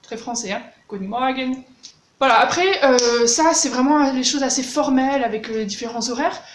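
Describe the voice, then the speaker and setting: Woman, high voice, casual german lesson, roomy echo, says the words big. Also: brisk. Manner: chatty, demonstrates German words with exaggerated pronunciation. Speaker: German language teacher. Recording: echoey room with faint hiss.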